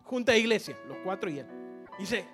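Animated preacher, hushed to loud. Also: mid-range voice, fairly quick, music in the background. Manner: animated, swings from loud calls to hushed near-whispers. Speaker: guest preacher. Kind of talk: sermon with storytelling. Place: church.

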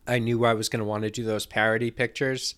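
A man's voice: mid-range voice, little pitch movement, quick pace, fairly bright tone, clear, resonant tone. A man co-hosting a podcast in easygoing casual chat. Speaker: podcast co-host.

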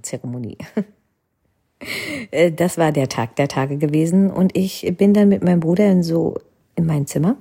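Woman, casual rambling storytelling, constant tag questions, gravelly, husky. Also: low-pitched, dark tone. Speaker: bride telling her wedding story.

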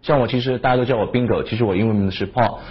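A man's voice: mid-range voice, very fast, husky. A man teaching English pronunciation in a casual, chatty lesson, dropping English example words into his talk. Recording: dull lo-fi sound.

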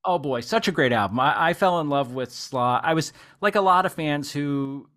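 A man's voice: a little high, lively intonation, normal speed, fairly bright tone. A man hosting a podcast in casual chat, rambling eagerly with many "you know"s as he talks about music he loves. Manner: rambling and enthusiastic, heavy use of "you know". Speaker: podcast host.

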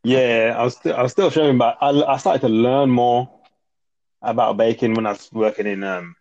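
A man's voice: mid-range voice, fairly even intonation, moderate pace, darkish tone, no echo. British man in his thirties, slightly muffled recording. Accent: urban British. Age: 30s. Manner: informal, matter-of-fact. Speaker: interview guest. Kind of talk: casual chat, recounting experiences.

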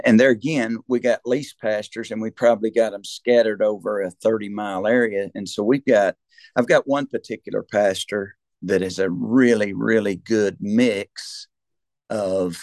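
A man with a low, creaky voice and a country Southern American accent. He talks like a rancher explaining his work, rambling and doubling back on his words. The sound is close and dry. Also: fairly even intonation, measured pace, darkish tone, no echo. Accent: Southern US rural. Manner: folksy, rambling, repeats words and restarts often. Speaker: cattle rancher, interview guest. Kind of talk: conversational explanation.

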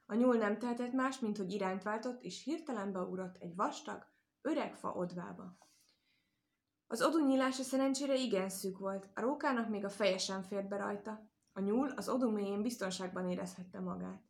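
A woman's voice: medium pitch, vocal fry, darkish tone. Woman reading a storybook aloud. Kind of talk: storybook narration.

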